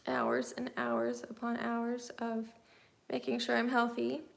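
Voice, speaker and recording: Speaking slowly but very animatedly, a thirtysomething host reads and responds to viewer comments in a casual livestream chat. Her voice is fairly high and shows vocal fry.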